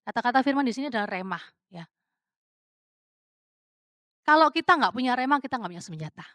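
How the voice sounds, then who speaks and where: Chatty woman preacher, fairly high voice. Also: expressive, brisk, fairly bright tone, no room sound, studio quality. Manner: chatty and conversational, with frequent fillers and English words mixed in; rhetorical questions to the congregation. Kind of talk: casual testimony-style sermon.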